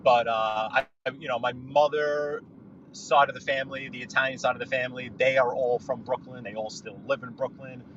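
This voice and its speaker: Chatting on a live podcast from his car while driving, a livestream guest from New York rambles through stories and often restarts his sentences. His mid-range voice is steady in tone, a bit bright and a little fast. The audio is dull, with slight background noise.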